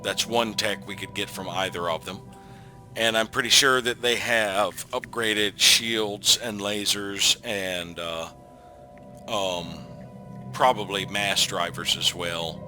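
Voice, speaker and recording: A man with a fairly low voice talks through a strategy game as the host of a let's play. He thinks out loud in a relaxed, casual way and often pauses on an "uh" or "um" before going on. Game music plays clearly behind him. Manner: thinks aloud, trailing off with frequent ums. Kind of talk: casual gameplay commentary.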